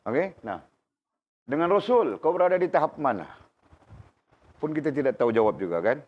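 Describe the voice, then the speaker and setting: A man teaching an informal religious class, quizzing students by name and tagging his points with quick questions, sounding unwell. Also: fairly high pitch, big pitch swings. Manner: conversational, questions students by name, frequent tag questions. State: unwell, in pain while talking. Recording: dull lo-fi recording.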